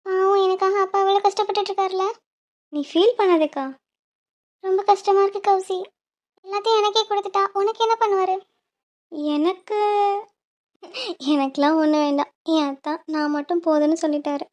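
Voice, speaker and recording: A high-pitched voice plays the girls and women of a home-made animated cartoon. It moves between soft worry among friends and a mother's cutting scorn. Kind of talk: animated Tamil cartoon voice acting.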